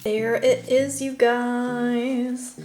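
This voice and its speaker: A woman's voice: fairly high pitch, level tone, drawn-out words, darkish tone. A woman chatting casually through a vegan cooking demo at home, gushing about the food and filling her talk with "um" and "like.". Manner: chatty, full of fillers like "um" and "like". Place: home kitchen. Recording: echoey room with background music.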